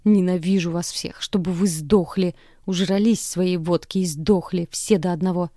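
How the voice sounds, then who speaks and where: A woman playing a furious teenage daughter who shouts defiantly at her family, her voice straining. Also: fairly low pitch, brisk, no echo, clean studio sound, lightly acted.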